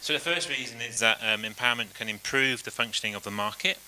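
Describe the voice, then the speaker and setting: A man presenting his group's reasons at a conference, measured and with frequent ums. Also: medium pitch.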